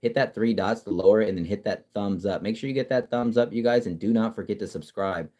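A man hosting a casual sports livestream, reading viewer comments and talking trash in a profane, excitable way with frequent restarts. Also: on the low side. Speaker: livestream host. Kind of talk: casual live-stream chat reading comments.

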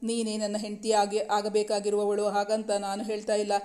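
A woman's voice: medium pitch, monotone, moderate pace, dark tone, natural voice. A woman reading the lines of a playful, affectionate young man who is the hero of a romance story. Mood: teasing. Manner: playful, affectionate, mock-stern.

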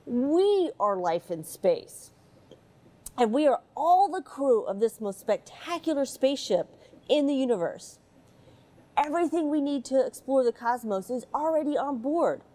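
Her high-pitched voice swings widely in pitch, with a dark tone and a measured pace. A middle-aged American astronaut, she reads a picture book to children aboard a space station, indoors in a module, with chatty comments between pages.

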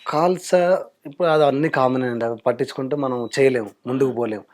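A man's voice: medium pitch, quick pace, a little mellow. A man, a mimicry artist talking frankly in a casual interview.

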